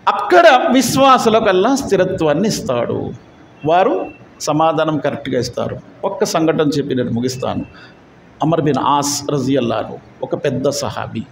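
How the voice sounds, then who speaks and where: A man preaching a sermon, telling stories with animation and acting out quoted speech with sudden swings between loud and soft. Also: fairly high pitch, moderate pace, creaky, a little hiss or hum. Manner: animated storytelling, acts out quoted speech with sharp swings of loudness. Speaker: Islamic preacher. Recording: roomy echo, faint background ambience.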